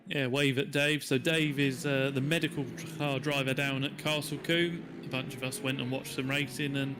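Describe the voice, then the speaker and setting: A man's voice: medium pitch, fairly even intonation, moderate pace, noisy background. Chatty man commentating a sim race. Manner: chatty, jokey, reads lap times.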